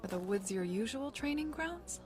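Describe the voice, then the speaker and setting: A woman's voice: on the high side, lively intonation, normal speed, over music, close to an everyday voice. A woman playing a formal, attentive fantasy mentor in a cartoon dub. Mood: impressed.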